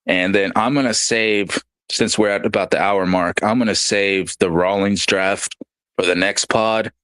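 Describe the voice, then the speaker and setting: A man's voice: fairly low pitch, steady tone, measured pace, a bit bright, clear, resonant tone, dry recording. A man hosting a casual podcast, rambling loosely and reading out listener comments. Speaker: podcast host. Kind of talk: casual chat.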